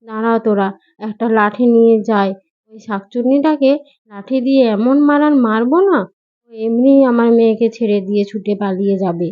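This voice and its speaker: A woman voicing a hot-headed, boastful father in a storybook tale, with a lowered voice. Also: fairly quick, close to an everyday voice. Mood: blustering. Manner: blustering, boastful. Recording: muffled, with background music.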